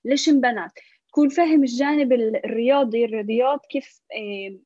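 A woman's voice: fairly high pitch, fast, mellow, no room sound, highs cut off. A young woman with a Levantine Arabic accent talking as a podcast guest, mixing in English words and often restarting her phrases. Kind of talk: conversational interview with English loanwords.

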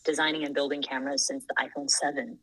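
A woman's voice: extremely low pitch, level tone, fast talker, fairly bright tone, no room sound, low-quality recording. A woman in her thirties from Thailand, a podcast guest talking earnestly and laughing easily. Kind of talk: casual interview.

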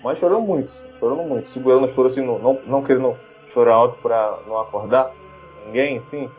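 A man's voice: medium pitch, fast, darkish tone, muffled recording, soft background music. A man with a Brazilian Portuguese accent telling a story in casual chat, full of fillers and restarts. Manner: chatty, lots of fillers and restarts.

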